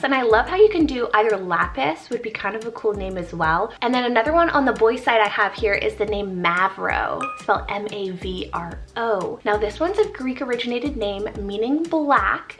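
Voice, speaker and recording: A woman's voice: on the high side, fairly bright tone. A woman hosting a baby name video, spelling out each name and gushing about how much she loves them. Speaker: host of a baby name channel. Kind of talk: casual scripted list video.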